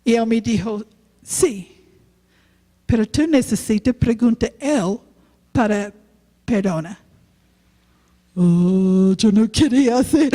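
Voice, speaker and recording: Woman preacher, slow halting sermon in a church with long reverb. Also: on the high side, dark tone. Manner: halting non-native Spanish, slow and earnest. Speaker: guest preacher, youth pastor. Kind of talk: sermon with personal testimony.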